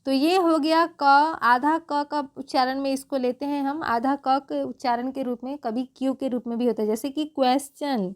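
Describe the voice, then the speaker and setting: A woman's voice: high voice, fairly even intonation, moderate pace, few pauses. A woman with a Hindi accent teaching English phonics to beginners, spelling out each word letter by letter and asking and answering her own questions.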